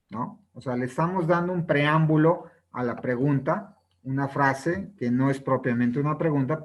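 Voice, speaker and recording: A man's voice: medium pitch, rough recording. A man explaining a sales book in a lesson. He keeps tagging his phrases with a questioning "no?" and acts out sample questions with different intonations. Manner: ends many phrases with a questioning "¿no?" tag. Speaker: presenter reviewing a sales book.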